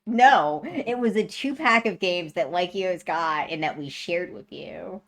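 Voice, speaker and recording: A woman's voice: lowish voice, unhurried. A woman co-hosting a game stream, chatting casually with a dry, teasing manner. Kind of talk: casual chat while gaming.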